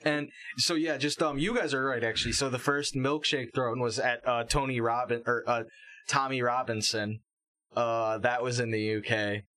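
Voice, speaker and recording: A man's voice: medium pitch, fairly even intonation, moderate pace, sharp tone. A man in a casual group podcast chat, speaking hesitantly with many fillers.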